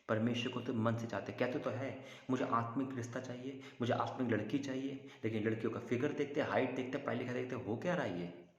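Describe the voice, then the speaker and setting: A man's voice: mid-range voice, dull audio. A man preaching as a pastor and praying aloud, asking rhetorical questions and calling on the father again and again. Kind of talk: sermon and prayer. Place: church hall. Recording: echoey hall reverb.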